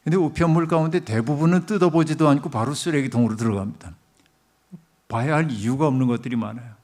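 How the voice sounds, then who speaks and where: A middle-aged man preaches from the pulpit at a medium pitch. He tells the story in an easy narrative way, speaking straight to the congregation and stopping often to address them. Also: fast talker, darkish tone. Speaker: pastor. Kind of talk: sermon.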